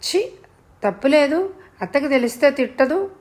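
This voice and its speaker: A woman voicing a lively, teasing young village girl with a childlike, pleading way of talking. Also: mid-range voice, normal speed, lightly acted.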